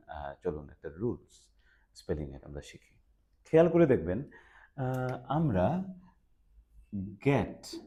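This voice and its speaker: A man explaining English spelling rules, lively and emphatic, with frequent hesitation fillers. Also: lowish voice. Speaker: English teacher. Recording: dull lo-fi recording.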